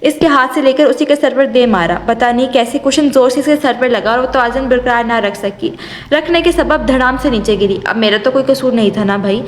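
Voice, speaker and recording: High-voiced young woman reading a novel. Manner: lively first-person storytelling. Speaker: audiobook narrator. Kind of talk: reading an audio novel aloud. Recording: roomy echo.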